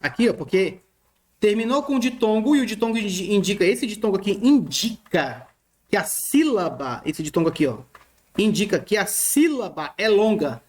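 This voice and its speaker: A male teacher walks through a grammar lesson. His pitch moves freely up and down as he points at written text. He repeats himself and checks in with his students again and again. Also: very animated, normal speed. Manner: repeats points and checks in often with short questions. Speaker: Greek teacher. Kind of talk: recorded online lesson explaining grammar.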